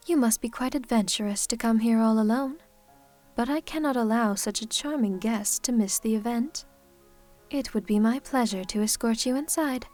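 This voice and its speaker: In an ASMR roleplay, a woman plays a centuries-old vampire hostess who is gracious and commanding. She speaks formally with gentle teasing, her voice a little high.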